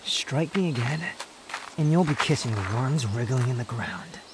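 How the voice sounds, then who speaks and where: A man playing a sharp-tongued, haughty, youthful-looking immortal wanderer in a roleplay audio drama, speaking in a sardonic, theatrical, teasing way. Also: medium pitch, expressive, moderate pace, background noise, close to an everyday voice. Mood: indignant, taunting. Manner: sardonic, scolding, theatrical delivery with sighs.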